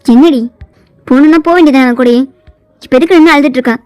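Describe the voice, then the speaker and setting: A woman's voice: high-pitched, fast, a little mellow, dry recording, soft background music, close to an everyday voice. A woman voicing a short-tempered young man who scolds sharply, in a fan fiction voiceover. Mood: angry.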